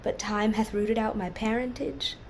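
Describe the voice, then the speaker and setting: A woman's voice: mid-range voice, little pitch movement, normal speed, slight background noise, natural voice. An actress playing a young orphaned noblewoman, sorrowful and dignified, speaking classical verse in an earnest, formal way. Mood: quiet sorrow. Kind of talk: classical verse stage acting.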